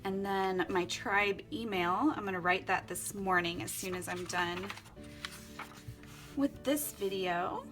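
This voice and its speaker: Taking it slowly in a medium-pitched voice over music, a young woman narrates a casual journaling vlog. She's from Florida and Costa Rica, stays upbeat while going through her home journal setup, and laughs a lot.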